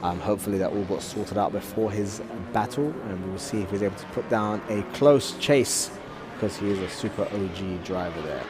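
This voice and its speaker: Lowish-voiced male motorsport commentator. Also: a little fast. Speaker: commentator and drift driver. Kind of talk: live motorsport play-by-play commentary with casual chat. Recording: clear outdoor vehicle noise. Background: cars and outdoor ambience.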